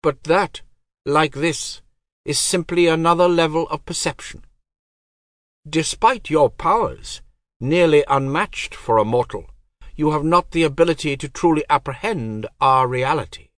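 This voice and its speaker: A man's voice: a little high, measured pace, a bit bright, no room sound, clean studio sound, voice pushed up. A man voicing a cold, commanding goddess of death who speaks in solemn pronouncements. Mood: icy, solemn.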